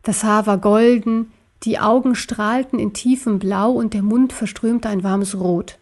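A woman narrating a children's story in a steady, measured reading voice. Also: mid-range voice.

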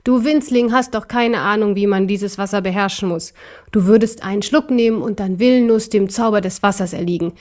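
A woman voicing an arrogant, cruel ancient emperor in an audiobook, speaking slowly and scornfully. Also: mid-range voice, darkish tone, lightly acted. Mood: contemptuous. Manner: slow, scornful and gloating. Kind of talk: audiobook character voice.

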